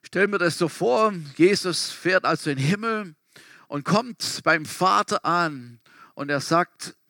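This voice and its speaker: A man's voice: high voice, lively intonation, slow, pushed and bright, dry recording, clean studio sound. A man preaching a sermon in a storytelling way, stressing points by repeating them. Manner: storytelling, emphatic repetitions.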